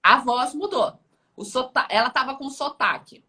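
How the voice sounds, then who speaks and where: A woman's voice: high voice, animated, moderate pace, sharp tone. A woman audiologist talking casually as an interview guest, chatty and peppering her sentences with little check-in tags.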